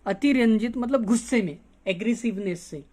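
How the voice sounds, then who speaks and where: A man's voice: high-pitched, darkish tone. A male teacher, reading a story's lines aloud and explaining the words in Hindi. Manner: reads English lines slowly, then explains them in Hindi. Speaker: English teacher. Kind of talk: bilingual lesson explaining a story.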